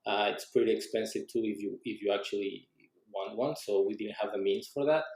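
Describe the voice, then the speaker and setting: A young adult man from Mexico, a native Spanish speaker with a Mexican accent, chats loosely as a guest in a casual podcast interview, restarting often. His fairly low voice is brisk and a little mellow, but the audio is poor and the room echoey.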